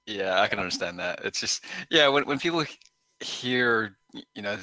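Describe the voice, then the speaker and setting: A man co-hosting a podcast, speaking in halting, hesitant phrases during a casual chat. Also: lowish voice, lively intonation, sharp tone, no echo.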